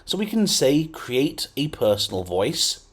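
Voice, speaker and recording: This tech tutorial host talks through a casual screen recording of computer steps, chatty and full of fillers and "okay?" check-ins. He has a mid-range, sing-song voice, slightly rough, delivered at a measured pace.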